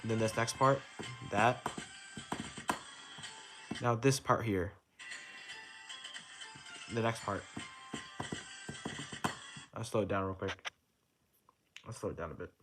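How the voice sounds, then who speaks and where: Over rhythm game music, a young man gives casual tutorial commentary on a rhythm game chart. He counts the note timings aloud and swears offhandedly whenever he restarts a sentence. His voice is fairly low, and he speaks slowly with long pauses.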